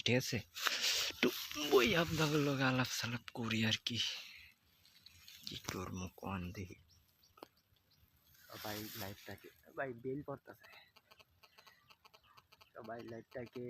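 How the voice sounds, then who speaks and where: A man's voice: lowish voice, background noise. A man, a first-time vlogger rambling casually outdoors by the fields, filming on an old phone. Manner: rambling, repeats "okay?" often. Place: outdoors by fields in hot sun. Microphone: old handheld phone.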